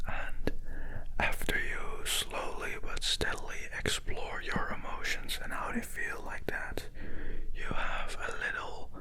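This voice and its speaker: An ASMR host whispering quietly as if late at night, rambling gently and reassuringly, with pauses and repeated phrases.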